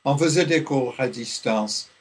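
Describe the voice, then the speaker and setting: An older man from Liverpool, a theology professor, speaking in a radio interview, slowly and with many hesitations. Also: medium pitch. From Liverpool, England. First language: English. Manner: slow, halting, many fillers.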